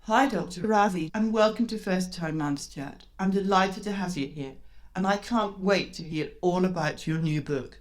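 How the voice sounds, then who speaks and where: A woman's voice: lowish voice, moderate pace. A woman hosting a podcast interview, speaking in a friendly, encouraging way with brief affirmations. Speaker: podcast host.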